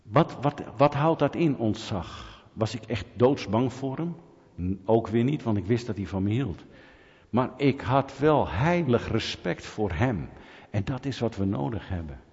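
A middle-aged man preaching a sermon, telling stories with sudden loud peaks. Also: mid-range voice, expressive, unhurried. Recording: dull audio with long hall reverb.

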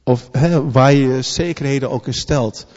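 A man delivers an earnest sermon in a mellow, warm voice, stumbling and restarting his words as he goes. His voice rings with a long reverb, as in a big hall. The recording itself is dull and lo-fi. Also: medium pitch, a little slow. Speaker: preacher.

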